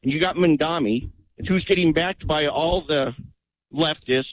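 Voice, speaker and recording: A man's voice: fairly high pitch, a little hiss or hum. Rambling male radio caller on a dull line. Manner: agitated, rambling, halting. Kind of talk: call-in radio. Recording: dull phone-line audio.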